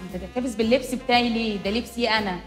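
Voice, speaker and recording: An actress playing a haughty, sharp-tongued young woman staying at a hotel, talking in an Egyptian accent in a TV comedy. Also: on the high side, racing, faint music behind, natural voice. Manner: rude, bossy, mocking. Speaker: demanding hotel guest. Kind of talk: TV comedy series acting.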